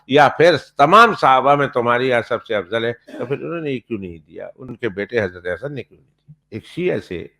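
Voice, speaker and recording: A male Islamic cleric preaches in a storytelling way, with a middle-pitched voice. He hammers his points with repeated rhetorical questions and lists, stressing each one emphatically. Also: expressive, vocal fry, pushed and bright. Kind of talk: storytelling sermon.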